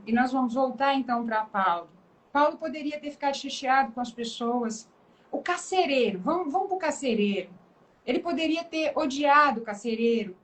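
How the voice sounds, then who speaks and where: A woman's voice: sits high, low-quality recording. A woman pastor with a Brazilian Portuguese accent, giving an emphatic testimony and preaching in a live conversation. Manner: emphatic, dramatic testimony with lively quoted voices. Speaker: pastor and guest.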